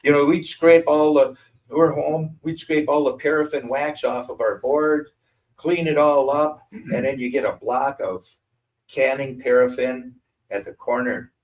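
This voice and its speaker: An older man from Wisconsin giving a talk, telling lively stories and acting out the voices of the people in them. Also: mid-range voice, measured pace. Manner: animated storyteller acting out quoted voices. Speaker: guest speaker. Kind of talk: storytelling talk. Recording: voice from a distance.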